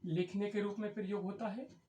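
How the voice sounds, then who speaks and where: A woman teaching a Hindi grammar lesson, explaining slowly and repeating key words as she writes. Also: mid-range voice, steady tone, mellow. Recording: echoey room.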